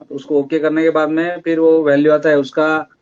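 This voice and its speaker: A man's voice: fairly high pitch, level tone, a little fast, a little mellow, clean tone. Hesitant man on a muffled call. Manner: hesitant, explaining step by step. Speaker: technician asking a question.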